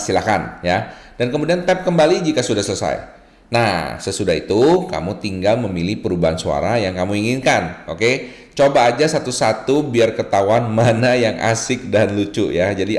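A man presenting a tech tutorial as host, chatty and checking in with viewers through little tag questions. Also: on the low side. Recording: roomy, echoey sound.

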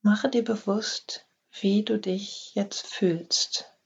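A woman guiding a yoga nidra relaxation session in slow, soft, half-whispered instructions. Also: mid-range voice, fairly even intonation, muffled recording. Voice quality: breathy, husky. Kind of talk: guided relaxation meditation.

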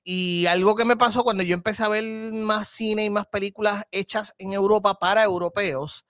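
High-voiced Puerto Rican man, thoughtful. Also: fairly even intonation, normal speed, a bit bright, no room sound, studio quality. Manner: thoughtful, hedging, mixes English words into Spanish. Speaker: podcast guest, comedian and film critic. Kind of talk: casual conversation.

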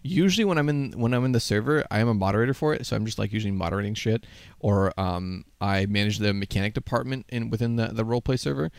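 A man's voice: lowish voice, fast talker, vocal fry, smooth, dry recording. A man casually chatting about games on a podcast, rambling with lots of fillers and casual swearing. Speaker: podcast co-host. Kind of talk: casual gaming chat.

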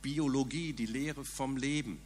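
A man's voice: mid-range voice, a little slow, a little hiss or hum. A man preaching a sermon in an earnest, emphatic way, asking the listeners rhetorical questions.

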